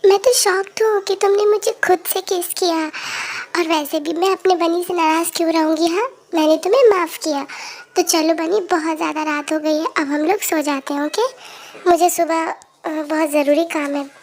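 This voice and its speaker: A woman's voice: very high-pitched, fairly even intonation. A young woman voicing a hot-tempered but tender young woman mafia boss who dotes on her partner. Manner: doting, quick to scold then apologize. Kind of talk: fan-fiction story voice acting.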